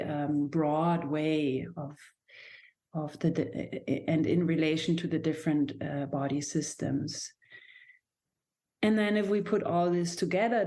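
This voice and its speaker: A German dance and movement teacher, guesting on a reflective podcast, speaks English as a second language in a low-pitched, dark voice. Her manner is thoughtful and hesitant, with frequent restarts as she searches for words.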